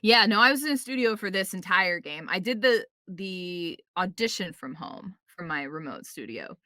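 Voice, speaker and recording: A woman's voice: fairly low pitch, expressive, moderate pace, sharp tone, dry recording, studio quality. A woman voice actress chatting in a casual podcast interview, full of fillers like "like" and "um.". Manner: chatty, filler-heavy, acts out quotes. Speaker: voice actress guest.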